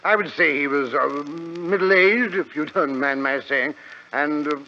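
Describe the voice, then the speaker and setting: On a dull, noisy old radio recording, a genial British doctor and storyteller. His voice sits a little high and moves about animatedly, in a fussy, bumbling manner. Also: measured pace, pushed and bright. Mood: hesitant. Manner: hesitant, fussy, chuckling. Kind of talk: 1940s radio drama acting.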